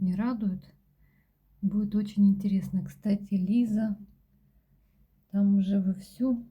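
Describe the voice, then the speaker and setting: A woman showing her houseplants in a casual vlog at home, speaking softly and often dropping to a whisper as she talks to her viewers. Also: mid-range voice, breathy edge, lo-fi sound. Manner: soft-spoken, often drops to a whisper, addresses viewers as girls. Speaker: plant vlogger. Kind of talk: casual plant-collection vlog. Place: home among houseplants, indoors.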